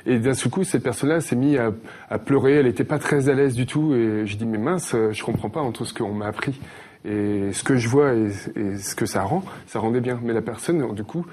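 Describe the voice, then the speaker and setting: A man with a mid-pitched voice answers as a guest in an interview. He explains things conversationally and hesitantly, often feeling for the right word. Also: fairly quick, darkish tone. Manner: hesitant, searching for words. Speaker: guest, hairdresser.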